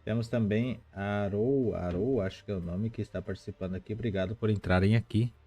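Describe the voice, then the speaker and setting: A man teaching a live online language lesson, explaining patiently and repeating words slowly, with chatty asides to viewers. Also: fairly low pitch, steady tone, warm tone, husky, soft background music.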